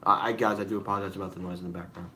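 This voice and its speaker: A man's voice: low voice, steady tone, racing, sharp tone, slight background noise. A young man hosting a casual live-stream Q&A, rambling with many fillers and apologies. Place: room at home with noise behind.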